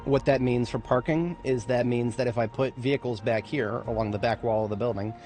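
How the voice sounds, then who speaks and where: A man's voice: medium pitch, steady tone, a little fast, darkish tone, soft background music. A man giving casual, rambling commentary on a game as a streamer, with playful, self-mocking remarks. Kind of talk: casual let's-play commentary.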